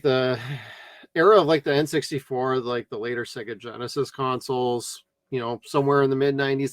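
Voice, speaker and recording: An American man chatting casually as a movie review co-host, in a slangy, animated way. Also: mid-range voice, no echo. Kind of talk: casual chat.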